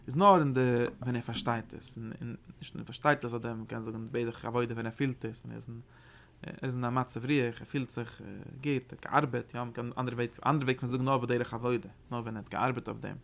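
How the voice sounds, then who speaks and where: A man giving a study lesson on mystical texts as a Torah teacher, talking in a halting, searching way and often repeating phrases. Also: mid-range voice, fairly even intonation, vocal fry, fairly bright tone.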